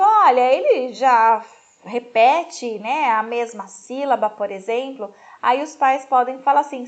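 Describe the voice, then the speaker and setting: Brazilian lady teaching, pretty high voice, keeps tossing in little checks w the listener. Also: highs cut off. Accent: Brazilian Portuguese. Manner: didactic, frequent tag questions, lively emphasis. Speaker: lecturer in maternal mental health. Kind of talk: explanatory lecture on infant development.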